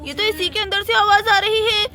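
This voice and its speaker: A woman voicing a kindly, brave uncle who talks in a brisk, protective, commanding way. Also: very high-pitched, flat delivery. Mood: fierce. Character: brave kindly male uncle, rescuer of children.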